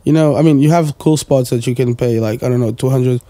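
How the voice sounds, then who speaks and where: Speaking fairly quickly in a warm, medium-pitched voice with no echo, a Portuguese man in his twenties chats as a podcast guest. The music producer, whose first language is Portuguese, rambles loosely, full of fillers and an occasional swear word.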